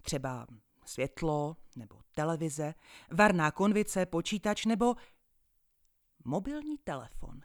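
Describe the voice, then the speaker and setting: A woman telling a children's story in the first person, with a lowish voice that rises and falls in a lively way. She is playful and expressive, and at times she drops to a dramatic hush. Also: no room sound, studio quality.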